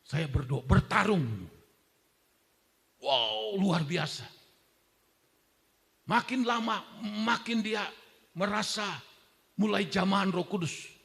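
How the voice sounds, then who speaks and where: A male pastor telling a testimony in a sermon, unhurried and storytelling, breaking now and then into loud shouted prayer. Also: high-pitched, gravelly. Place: church hall. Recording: echoey church hall.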